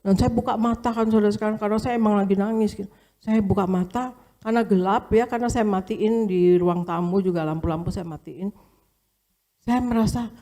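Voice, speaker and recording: A woman's voice: mid-range voice, warm tone. A woman, a pastor's wife, telling a conversational church testimony and often addressing her listeners directly. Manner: storytelling, often addressing listeners as brothers and sisters; casual colloquial speech with fillers and repetitions.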